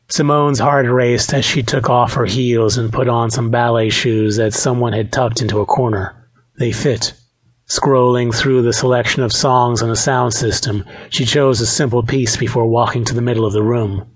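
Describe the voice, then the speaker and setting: A man reading a romance audiobook aloud, in a steady, measured narration. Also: medium pitch, breathy edge. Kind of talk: scripted narration.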